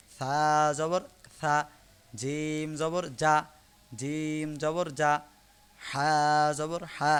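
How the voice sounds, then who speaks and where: A man with a fairly high, smooth and clear voice teaches a Quran reading class. He speaks unhurriedly, drawing out each syllable and repeating it patiently so learners can follow along. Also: fairly bright tone. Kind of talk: online lesson teaching Arabic letters. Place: online live class broadcast.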